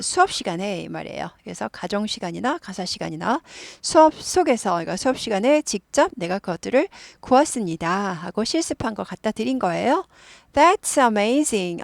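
A woman teaching English, reading the dialogue lines slowly and explaining them in Korean. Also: mid-range voice, creaky, dry recording, studio quality.

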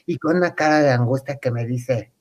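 A man's voice: medium pitch, fairly quick, very noisy. A man with a Mexican accent telling a comic wedding story in a camp, chatty way, often laughing and acting out the voices of the people he quotes. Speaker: comedic storyteller. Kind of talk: comic anecdote told to a live audience.

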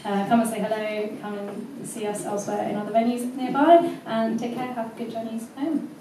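A woman's voice: fairly high pitch, level tone, normal speed, noisy background. A woman from a folk band joking with the audience between songs in a live club, picked up from a distance. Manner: jokey, laughing. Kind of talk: onstage banter between songs. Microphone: stage mic, distant. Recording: echoey room from far off, audience.

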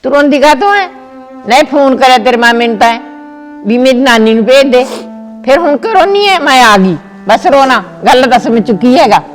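A woman playing an old village grandmother who scolds and soothes in a brisk way. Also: sits high, animated. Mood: soothing. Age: older. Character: old grandmother, fussing and protective. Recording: long echoing reverb, faint music bed.

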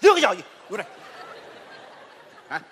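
An actor playing a hot-tempered husband in a stage comedy sketch, shouting combative retorts. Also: male voice, high voice, wildly swooping pitch, a little fast, full character voice. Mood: angry. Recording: stage hall reverb.

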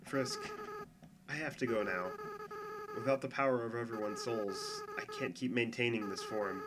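A man's voice: medium pitch, unhurried, heavy background noise, natural voice. A man voicing a tearful young goat monster boy. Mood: quiet farewell. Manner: soft, pleading and earnest. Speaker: fan voice actor. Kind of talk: fan dub of a game scene. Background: music.

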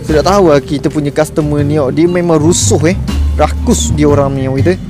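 A man's voice: fairly high pitch, steady tone, a little fast, over music. A man with a Malaysian Malay accent giving casual, exasperated commentary while streaming a management game and talking to his viewers.

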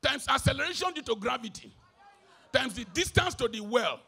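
A Nigerian man preaching a sermon live at a concert, swinging between shouted lines and low muttered asides, slipping into pidgin. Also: sing-song, moderate pace, gravelly, breathy edge.

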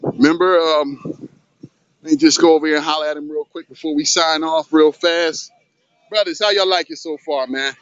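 A man's voice: a little high, fairly even intonation, normal speed, a bit bright, clear, resonant tone. A middle-aged man hosting a casual handheld vlog outdoors on a sunny beach, talking in a loose, hyped, streetwise way. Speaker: vlog host. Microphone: handheld phone camera. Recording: dull lo-fi phone audio.

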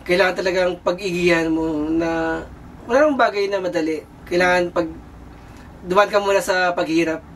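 A high-voiced young man talks about his work on board, hesitant and groping for words. He sits away from the microphone, and a faint hum runs under his answers. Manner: hesitant, many fillers and restarts, searching for words. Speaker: cruise ship kitchen crew member. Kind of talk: casual interview answers. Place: aboard a cruise ship. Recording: distant mic with faint background noise.

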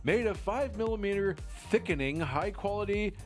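A man in his forties hosts a casual live-stream chat, joking as he reads product descriptions aloud. His voice sits a little high, picked up by a headset mic in a small studio. Faint music plays underneath. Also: lively intonation, moderate pace. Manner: jokey, reads product copy aloud with laughs. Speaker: show host. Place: small studio room with posters and string lights.

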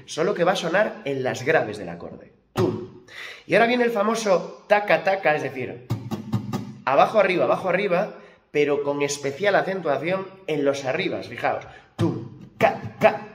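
A man teaching guitar, stressing key points and voicing the strum rhythms aloud. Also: on the high side. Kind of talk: guitar lesson explanation. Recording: roomy echo with acoustic guitar.

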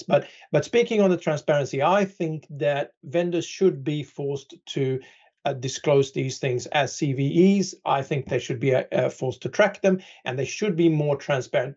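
A man's voice: on the high side, normal speed, darkish tone, breathy edge, highs cut off. A man speaking as an expert guest on a podcast, explaining things conversationally with dry sarcastic humor and many "right?" tags.

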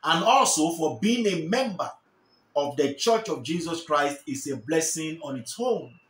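A man's voice: on the high side, expressive, measured pace, fairly bright tone, echoey room. A young man with a Nigerian English accent preaching a sermon to camera, fervent and repeating key phrases for emphasis. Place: small indoor room, seated in armchair.

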